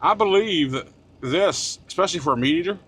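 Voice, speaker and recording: Middle-aged trucker vlogger, slightly high voice, rambling casual talk with restarts and mild swearing, recorded in a truck cab. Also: male voice, lively intonation, fairly quick, a bit bright, husky. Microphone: small handheld camera.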